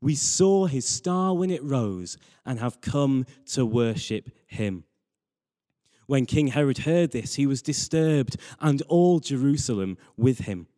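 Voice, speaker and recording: A young British man preaches an earnest, conversational sermon in church, including a Bible reading. His voice is mid-range and warm. A long hall reverb surrounds the recording.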